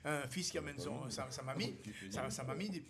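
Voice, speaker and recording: A man's voice: fairly high pitch, fairly quick, crowd noise. A male guest telling a joke, stumbling over his words. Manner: stumbling, laughing storyteller. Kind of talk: joke telling on a talk show.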